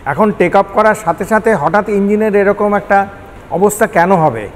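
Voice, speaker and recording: This older expert guest, formerly an air traffic control manager, has a Kolkata Bengali accent and a high-sitting voice with lively intonation at normal speed. Answering news interview questions, he explains step by step and mixes in English technical terms, recorded in an echoey hall with background noise.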